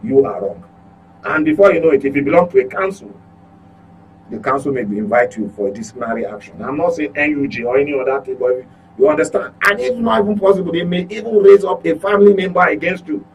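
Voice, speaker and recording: A man's voice: a little high, animated, fast, creaky, slight background noise, rough recording. A man with a Nigerian accent giving opinionated current affairs commentary as a journalist, speaking emphatically, repeating points and asking rhetorical questions.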